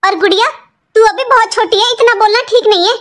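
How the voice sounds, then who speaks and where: A woman's voice: extremely high pitch, brisk, fairly bright tone. A woman playing a reproachful mother. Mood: advising. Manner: firm, reproachful. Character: hurt mother defending her daughter. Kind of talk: family drama acting.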